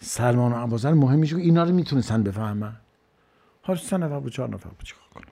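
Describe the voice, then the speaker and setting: A man with a husky, slightly breathy voice gives a sermon as a story, at an ordinary pitch for a man. He talks unhurriedly and repeats phrases for emphasis. His volume rises and drops from one phrase to the next. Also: animated. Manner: unhurried, repeats phrases for emphasis, swings between soft and loud. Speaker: religious speaker.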